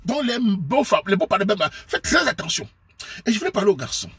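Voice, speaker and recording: A man from Cameroon with a Cameroonian French accent, delivering a preachy, scolding monologue to his viewers and sometimes bursting into shouts. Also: high-pitched, sing-song, a little fast, breathy edge, no room sound. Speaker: online commentator.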